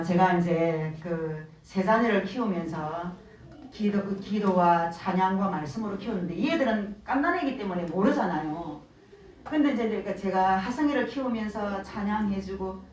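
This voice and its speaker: A woman in her fifties preaches in an earnest storytelling manner, breaking into little quoted voices of her family. Her voice sits at a middle pitch and is heard from some distance. It echoes around a roomy church with a faint hum of ambience behind it. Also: darkish tone. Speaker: church speaker. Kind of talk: sermon with family stories. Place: church sanctuary.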